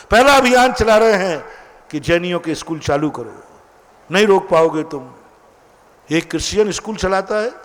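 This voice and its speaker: A man's voice: high voice, fairly bright tone. A man preaching a sermon as a monk, emphatic and full of rhetorical questions to his listeners. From India.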